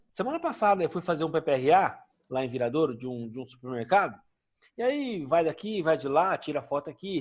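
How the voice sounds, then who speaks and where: A male teacher giving a conversational classroom lecture with a Brazilian Portuguese accent, often asking his students questions. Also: fairly high pitch.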